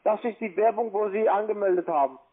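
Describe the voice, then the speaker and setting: A call-centre agent with a high voice and a foreign accent, not a native German speaker, makes a cold call. He pushes his instructions in halting, broken phrases over a muffled, lo-fi line.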